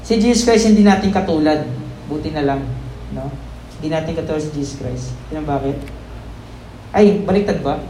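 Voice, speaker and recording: A preacher giving a conversational Sunday sermon, tagging phrases with quick questions to the congregation, mixing in English words and laughing off their own slips. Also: medium pitch, dark tone, roomy sound, slight background noise, rough recording. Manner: tags nearly every phrase with "no?" and "di ba?"; stumbles, self-corrects and laughs at own slips.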